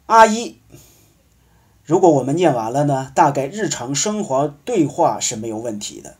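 A man teaching a French lesson, explaining patiently and slowly drawing out example words. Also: medium pitch, very animated, breathy edge. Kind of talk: language lesson.

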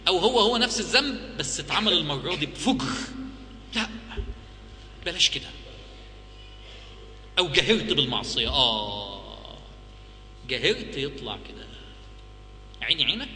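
Egyptian guy preaching, high bright voice, jumps all over in pitch, keeps asking the crowd questions. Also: brisk, long pauses. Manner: animated, rhetorical questioning. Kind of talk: religious talk to a live audience. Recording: echoey hall with faint hum.

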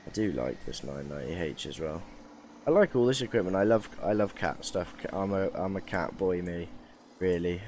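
A tired young man chats his way through a gameplay video in a deep, low voice. He rambles, pokes fun at himself and keeps it casual, with a faint hiss under the recording. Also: darkish tone. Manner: rambling, self-mocking, chatty. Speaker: gaming YouTuber.

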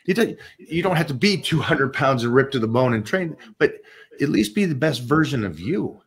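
A very animated man with a mid-range voice co-hosts a live Q&A chat show at a moderate pace. Teasing yet motivational, he speaks into a desk microphone on a studio set with a backdrop.

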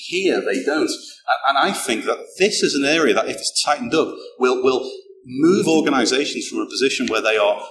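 A middle-aged man with a non-local British accent presents a technical talk at a conference in a conversational way, restarting often and repeating words. His voice is expressive and a bit bright, medium in pitch, at a normal speed. The room is small, dark, and indoors, giving an echoey sound with a slight hum underneath.

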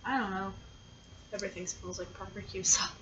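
A woman's voice: mid-range voice, steady tone, a little fast, a bit bright, recorded from a distance, highs cut off. A woman co-hosting a casual taste test, chatting in a playful, giggly way. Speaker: food vlogger co-host.

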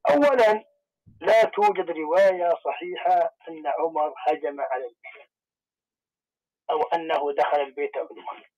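A man, a sheikh calling in, arguing his religious position in measured, formal speech. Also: a little high, darkish tone, low-quality recording. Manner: measured, formal classical phrasing. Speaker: caller, sheikh.

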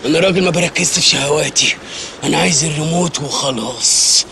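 A man's voice: fairly high pitch, fast talker, vocal fry, noisy background. A man with an Egyptian accent acting in a comedy sketch, with sarcastic, mock-tough talk. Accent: Egyptian Arabic.

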